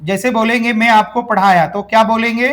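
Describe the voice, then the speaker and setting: A man teaching English grammar to a class, slowly repeating example sentences with an Indian accent and calling students "brother" and "dear". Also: extremely high pitch, fairly even intonation, fairly bright tone. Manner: drills phrases slowly and asks the class to repeat.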